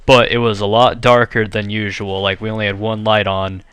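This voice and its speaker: A man's voice: lowish voice, little pitch movement, normal speed, a bit bright, clear, resonant tone, dry recording. A young man chatting casually over gameplay, telling a story in a rambling way full of "like" and "you know.". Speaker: gaming channel host.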